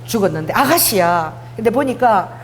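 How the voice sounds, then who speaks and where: A woman's voice: medium pitch, expressive, normal speed. Woman pastor preaching in a reverberant hall. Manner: conversational, mixes casual and polite speech, acts out dialogue. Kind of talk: sermon with personal stories. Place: church prayer hall. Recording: long hall reverb, faint hum.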